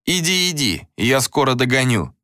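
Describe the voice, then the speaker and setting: A man's voice: medium pitch, very animated, normal speed, pushed and bright, dry recording, studio quality, voice pushed up. A man doing a sneering whip-cracking bandit. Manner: sneering, threatening. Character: mocking greedy male bandit with a whip.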